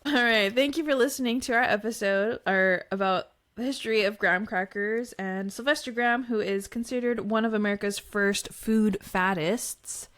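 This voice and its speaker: A woman's voice: mid-range voice, normal speed, hardly any pauses, a bit bright. Woman, podcast co-host, casual chat, giggly, trails off mid-thought. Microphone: podcast microphone.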